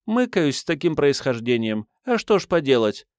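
For an audiobook, a man pushes his voice up to a fairly high pitch with big pitch swings, speaking at normal speed with a darkish tone. The studio-quality recording has no room sound as he plays a cheeky, scruffy homeless teenage girl talking brashly in street slang.

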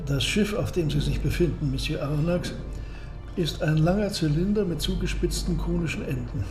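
An actor playing a proud, secretive submarine captain and engineer in a radio drama, speaking in a measured, formal, explanatory way. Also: male voice, on the high side, music in the background, close to an everyday voice. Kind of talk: German radio drama acting. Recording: echoey room with clear background noise.

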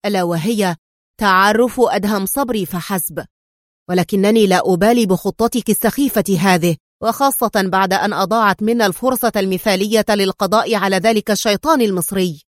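A woman's voice: medium pitch, quick pace, no room sound, studio quality, lightly acted. Woman doing a harsh, threatening mafia boss. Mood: harsh angry. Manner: sharp, forceful, threatening. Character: hot-tempered ruthless male mafia leader.

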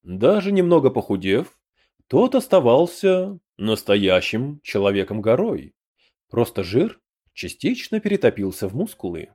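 A man reads a fantasy audiobook aloud in a mellow, dark-toned voice. His pitch moves a lot as he tells the story, and he shifts into a different voice for each character. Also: measured pace. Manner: lively storytelling, voicing each character in turn. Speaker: audiobook narrator. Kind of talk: scripted narration of a fantasy audiobook.

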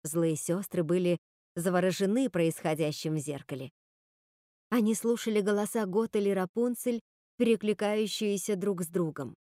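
A woman narrating a fairy-tale audiobook in a lively, expressive way, recorded on a close studio mic. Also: medium pitch, no echo. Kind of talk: audiobook storytelling.

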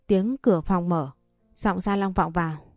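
A woman narrating a romance story in the first person, steady and measured. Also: on the low side, no room sound, studio quality, soft background music. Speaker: audiobook narrator.

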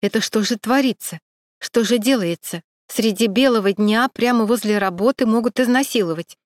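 A woman's voice: a little high, moderate pace, dry recording, studio quality, lightly acted. A woman voicing a gossipy female make-up artist who exclaims and pries for juicy details. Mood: nosy. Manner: exclaiming, nosy.

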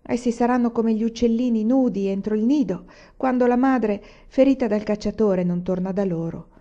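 A woman reading a novel aloud in a measured, expressive way. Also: on the high side, dull audio. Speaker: audiobook reader. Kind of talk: scripted narration of a novel.

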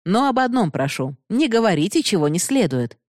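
A woman's voice: medium pitch, big pitch swings, fairly quick, darkish tone, no room sound, clean studio sound, pitched above the performer's own voice. A woman voicing a stern, upright young man who lectures firmly and holds back his feelings. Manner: firm, lecturing.

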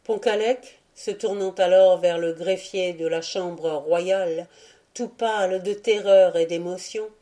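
Woman reading history in a low, mellow voice. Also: fairly even intonation, a little slow. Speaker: audiobook reader. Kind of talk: scripted narration of a history book.

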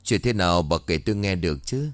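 A man's voice: low-pitched, expressive, quick pace, dry recording. A man voicing a blunt exorcist in his fifties who speaks plainly and matter-of-factly.

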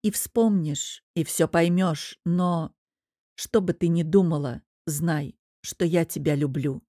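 A woman voicing a stern, protective husband who answers in firm, clipped lines, set a little lower than her own voice. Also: lively intonation, takes it slowly, warm tone, no echo, studio quality. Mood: tender.

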